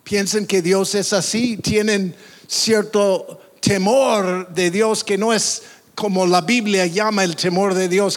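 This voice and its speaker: A man preaching a sermon as pastor, animated and dramatic, swinging his voice up and down. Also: high-pitched. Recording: long hall reverb.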